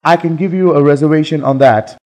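A man reading the lines of a scripted English lesson dialogue in a plain, measured way. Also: a little high, mellow, big-room sound.

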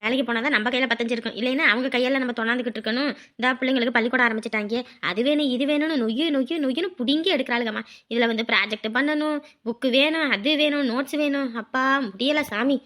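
Woman playing a fast-talking gossipy housewife. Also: high voice, fairly bright tone. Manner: rapid gossipy complaining. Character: village housewife griping about her in-laws. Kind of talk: comedy sketch acting.

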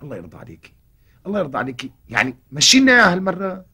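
Heavily acted and very animated, this Syrian-accented performer fires off lines rapidly in a high, pushed, bright voice. He's a comic TV husband stuck between two wives, exasperated as he coaxes and sweet-talks them in a coaxing mood.

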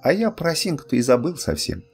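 An older man narrating a bedtime story in a lively, expressive way. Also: fairly high pitch, fast, soft background music.

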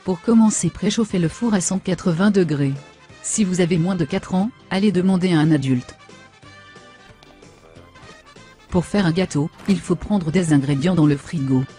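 A woman's voice: lowish voice, normal speed, dark tone, soft background music, close to an everyday voice. Lara: a woman doing a vain, crude young woman. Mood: bossy. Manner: brash, insulting, self-satisfied. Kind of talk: comic machinima voice acting.

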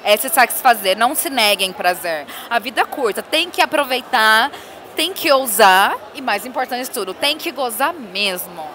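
A woman's voice: fairly high pitch, expressive, moderate pace, pushed and bright, slight background noise. A woman in her thirties, a bold and teasing guest, speaking confidently into a handheld mic at a busy indoor fair. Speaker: interview guest, professional dominatrix. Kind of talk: casual on-location interview. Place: busy indoor expo hall. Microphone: interviewer's handheld mic.

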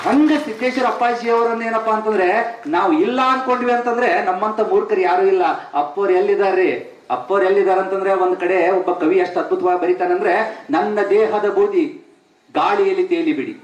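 High-voiced North Karnataka man, echoey hall. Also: steady tone, brisk, lo-fi sound. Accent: North Karnataka Kannada. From Bijapur, Karnataka. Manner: emphatic, repeats phrases for stress. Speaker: teacher and public speaker. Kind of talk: devotional tribute speech.

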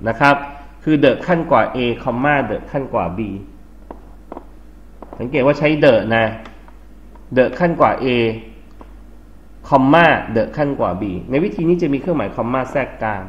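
A man's voice: medium pitch, a little slow, long pauses, muffled recording. A man with a Thai accent teaching an English grammar lesson for exam prep, explaining steadily and spelling words out letter by letter. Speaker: English tutor.

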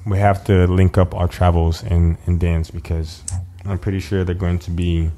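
A man's voice: sits low, flat delivery, normal speed, mellow. A man hosting a podcast in casual interview style, upbeat and playful, often repeating words for emphasis. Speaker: podcast host.

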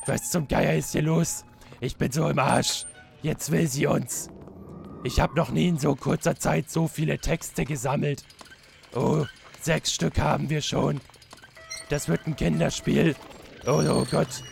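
A man's voice: fairly high pitch, fairly even intonation, unhurried, creaky, a little mellow, faint music behind. A man commenting as he plays a horror game, joking, swearing and panicking, sometimes reading notes aloud in a mocking tone. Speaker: gamer playing a horror game. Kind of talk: let's play commentary. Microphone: desk mic with facecam.

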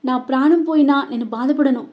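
A woman's voice: sits high, brisk, highs cut off, natural voice. A woman voicing a frightened young man who pleads in pain for his sister's sake. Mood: anguished. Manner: pained, pleading.

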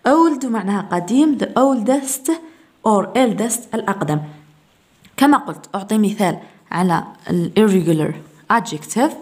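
A woman's voice: mid-range voice, expressive, a little slow, long pauses, a little mellow. A woman English teacher giving an exam review lesson, listing irregular words with their meanings and examples.

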